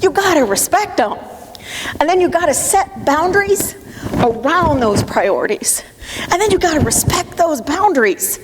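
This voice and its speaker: A middle-aged woman coaches a live audience in a direct, emphatic way, her voice sitting a little high. The sound carries a long reverb from a conference hall, and faint noise sits under it. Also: big pitch swings, normal speed. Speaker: motivational speaker.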